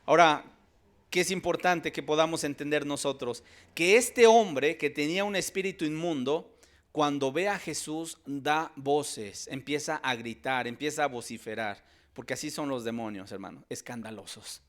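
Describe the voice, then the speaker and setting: A male pastor preaching a sermon. He is emphatic and swings between loud and soft. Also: a little high, normal speed.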